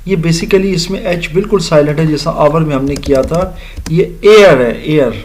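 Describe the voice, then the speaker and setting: A man teaching an English grammar lesson, explaining slowly, spelling out letters and repeating words for his students. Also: fairly high pitch, a little mellow. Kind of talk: recorded grammar lecture.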